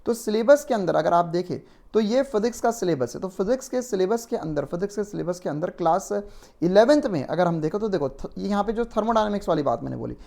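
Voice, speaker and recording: A man's voice: sits high, animated, quick pace, creaky, warm tone. Chatty male physics teacher explaining. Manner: conversational, explanatory, with frequent tag questions. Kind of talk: online exam-prep lecture.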